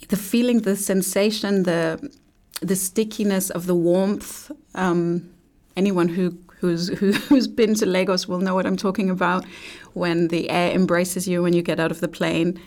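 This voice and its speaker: A woman talks in a radio studio interview. Her voice sits low and stays flat and even, and she pauses and restarts as she searches for the right words. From London, UK. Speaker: guest artist and writer.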